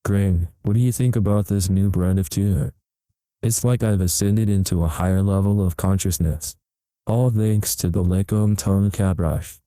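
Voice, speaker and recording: A man's voice: sits low, fairly even intonation, normal speed, warm tone, no room sound, lightly acted, rough recording. A man playing an earnest, overexcited cat owner, giving a melodramatic parody infomercial testimonial with reverent sincerity. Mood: devoted, grateful.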